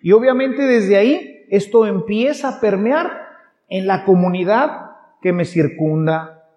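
Preaching a sermon in a casual, conversational style, a man with a Mexican Spanish accent acts out little everyday scenes. His voice is high and expressive with a dark tone and measured pace, and the sound is dull under long hall reverb.

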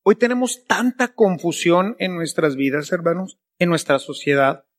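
Male priest, sermon, rhetorical questions, slightly high voice. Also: lively intonation, normal speed.

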